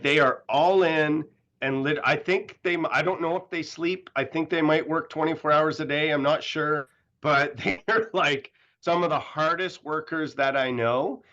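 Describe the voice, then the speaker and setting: A man hosting an event and introducing honorees on stage, animated, often tagging lines with "right?" and "okay?". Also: a little high, highs cut off. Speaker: event host.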